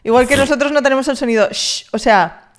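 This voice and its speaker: A woman with a Spanish accent chats casually at home. Her voice sits a little high, and she talks in a playful, teasing way. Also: fast talker. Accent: Spanish (Spain). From Spain. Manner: playful, teasing, laughs often. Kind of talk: casual chat. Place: home during lockdown.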